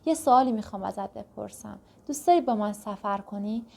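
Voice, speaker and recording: A kind swallow bird in a storybook speaks warmly and gently urges a friend on, voiced by a woman reading aloud. The tone stays close to a plain reading voice. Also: mid-range voice, vocal fry. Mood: tender. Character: caring young female swallow bird.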